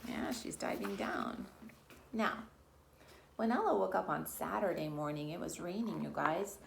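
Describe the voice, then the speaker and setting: A woman with a lowish voice and vocal fry speaks a little slowly, with noise in the background. Hosting a virtual storytime from her home, this yoga teacher reads a picture book aloud and talks straight to the young kids, treating them as friends.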